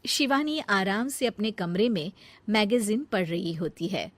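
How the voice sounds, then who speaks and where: A woman's voice: mid-range voice, animated, a little slow, no echo. A woman giving scripted narration for a cartoon family story.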